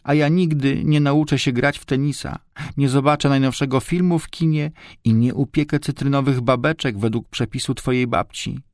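A man's voice: a little slow, slightly rough, no echo, studio quality, full character voice. A man reading a storybook, voicing a tearful little girl who loves her snacks, with a raised, dramatic voice. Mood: despairing. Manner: high, sobbing, then excited.

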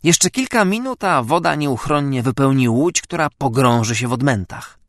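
A man narrating an audiobook in a dramatic, expressive reading. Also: medium pitch, normal speed, no echo, clean studio sound.

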